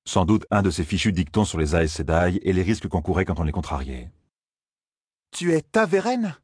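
A man narrates a fantasy audiobook in a low, husky voice. His storytelling is steady and even. The sound is close and dry, with no room tone. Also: fast, dry recording.

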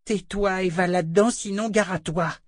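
A man voicing a frightened little servant girl in a storybook reading, pleading in a small high voice. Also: steady tone, normal speed, dry recording, studio quality, natural voice. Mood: threatening. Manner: whimpering then threatening. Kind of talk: storybook read-aloud voice.

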